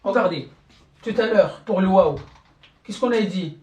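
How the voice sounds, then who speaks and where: A patient Arabic teacher gives a live online lesson through a phone or computer mic, constantly asking the class questions to check understanding and repeating words while searching for phrasing. The voice is mid-range, measured in pace, a little mellow and slightly rough.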